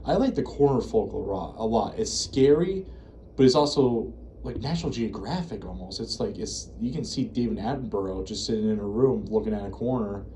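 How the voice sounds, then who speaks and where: Fairly quick and animated, an American horror-series reviewer delivers casual, unscripted commentary full of hesitation and self-correction. His fairly low voice has a warm tone, with slight background noise.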